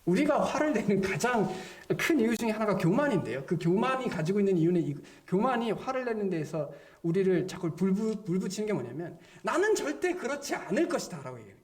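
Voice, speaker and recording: A man delivers a sermon in a high-pitched, animated voice that swings widely. He voices imagined conversations with himself and at times falls to hushed, whispered asides. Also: fast talker, hardly any pauses. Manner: animated, drops to near-whispers when quoting inner dialogue; acts out imagined self-talk and God's gentle questions. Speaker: pastor.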